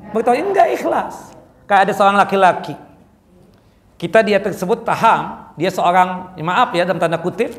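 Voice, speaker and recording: A man's voice: high voice, reverberant. A man preaching casually in a mosque, answering questions and often checking whether the audience understood. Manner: conversational, asks the audience "jelas?" often.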